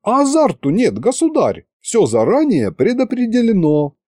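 A man's voice: sits high, wildly swooping pitch, dark tone, no room sound, clean studio sound, voice pushed up, full character voice. A man voicing a polite, reasoning horned male archivist at a royal court in an audiobook. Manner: courteous, measured.

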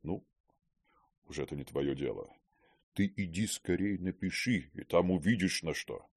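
A man voicing a sly, scheming bully in an audiobook, muttering low and then barking orders. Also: measured pace, slightly rough, no room sound, clean studio sound, exaggerated voice. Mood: conspiratorial. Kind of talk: audiobook character voice.

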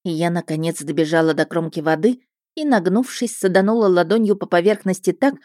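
A woman narrating a first-person story in a lively, expressive way. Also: on the low side, a little fast, no echo, clean studio sound. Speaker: audiobook narrator.

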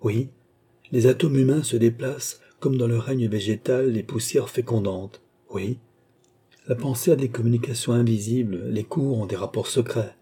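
Kindly court doctor, dark husky tone, musing then exasperated, read by a man. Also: mid-range voice, normal speed, close to an everyday voice.

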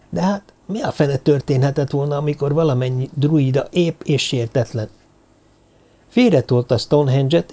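A male audiobook narrator with a dark, mellow voice and mid-range pitch. He reads in a measured, even storytelling manner, scripted and steady.

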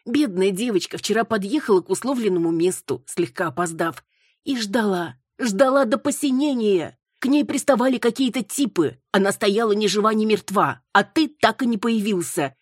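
A woman voicing an imperious middle-aged mother who berates her son, in a shrill, raised voice. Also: moderate pace, husky, dry recording, clean studio sound, lightly acted. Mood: scolding.

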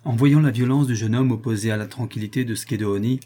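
Brief: male audiobook narrator, mellow dark tone, slightly husky, measured delivery. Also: mid-range voice. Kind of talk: scripted narration of a classic novel.

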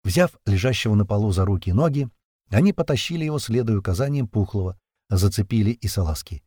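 A man narrating an audiobook in a steady, tense, vivid storytelling manner. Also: fairly low pitch, fast, husky, dry recording, studio quality.

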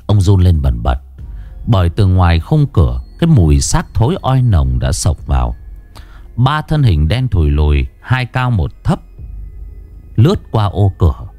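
A man narrating a ghost story with a deep, dark voice. His intonation swings widely as he builds dread, and faint music plays underneath. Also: sing-song, a little slow. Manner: dramatic, vivid storytelling.

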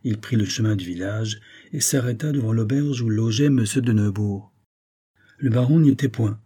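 Low, husky male narrator. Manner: steady, measured storytelling. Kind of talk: audiobook reading of a classic novel.

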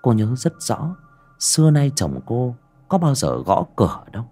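A man narrating a spooky folk tale in a dramatic way that turns hushed at tense moments. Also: medium pitch, wildly swooping pitch, normal speed, husky, soft background music. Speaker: storyteller.

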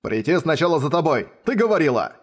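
A man's voice: on the high side, big pitch swings, fast talker. A man voicing a stern, commanding older nobleman in an audiobook reading, with a barking, bellowing delivery. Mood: scolding.

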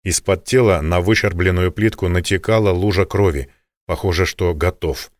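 A man narrating an audiobook in a steady, matter-of-fact way. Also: low voice, normal speed, dry recording. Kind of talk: scripted narration.

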